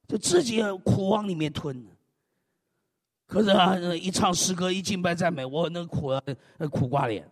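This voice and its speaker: Animated high-voiced male pastor preaching. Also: long reverb tail. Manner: animated, frequent hallelujah and amen refrains. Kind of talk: preaching sermon with humor.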